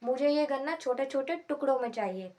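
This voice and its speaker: A woman's voice: high-pitched, expressive, fairly quick, warm tone. A woman voicing a grown courtier pretending to be a stubborn crying boy, who keeps refusing with insistent, whiny demands. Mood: stubborn whining.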